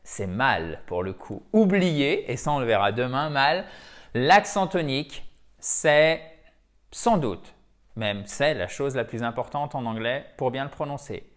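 A middle-aged man with a voice at an ordinary male pitch teaches English vocabulary in a lively monologue. He talks chattily and pokes fun at himself. He often repeats and rephrases his points. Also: a little slow.

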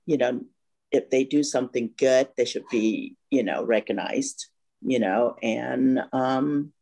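A Vietnam-born woman in her fifties chats casually as an interview guest over a video call from a home room by a bright window. Her voice is very deep, slow, creaky and warm, and she often says "you know."

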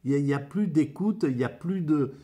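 A man rambling through a philosophy monologue, halting often and repeating words as he searches for them. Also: on the high side, lively intonation, mellow, slightly rough. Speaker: amateur philosophy vlogger.

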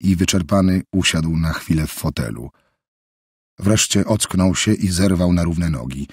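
A man narrating an audiobook in a steady, measured reading. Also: low-pitched, slightly rough, dry recording, clean studio sound. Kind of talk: scripted narration.

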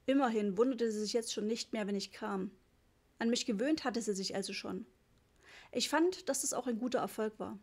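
A woman narrating a children's audiobook in a lively storytelling manner. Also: a little high, normal speed. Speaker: audiobook reader.

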